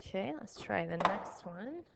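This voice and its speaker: A woman's voice: mid-range voice, animated, a little slow, gravelly, very noisy. A woman teacher explaining math problems to her class, talking through each step aloud in a recorded lesson.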